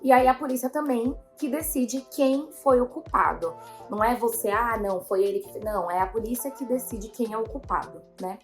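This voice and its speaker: A woman's voice: fairly high pitch, expressive, moderate pace, hardly any pauses, faint music behind. A young woman, telling a story to her viewers in a rambling way, full of fillers and quotes of herself. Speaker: vlogger.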